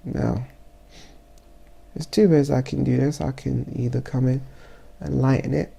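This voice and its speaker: A photographer with a blocked-up, stuffy voice talks through his editing in a casual tutorial voice-over. His tone is deep-set and dark with heavy gravel and a husky edge. He speaks slowly and haltingly, pausing and restarting as he thinks aloud. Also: steady tone. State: stuffy, congested.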